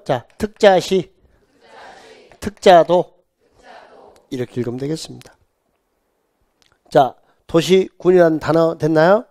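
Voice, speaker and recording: A man teaching real estate law for an exam course. He drills students with questions and has them repeat terms back, stretching key words out slowly. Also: a little high, darkish tone. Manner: drills students with call-and-response repetition. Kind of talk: exam prep lecture.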